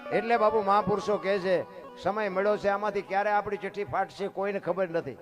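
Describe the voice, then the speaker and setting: Male folk preacher, high voice, guitar playing behind. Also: fairly quick. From Surendranagar, Gujarat. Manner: preachy, lively folk storyteller. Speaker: folk literature speaker. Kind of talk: dayro storytelling talk.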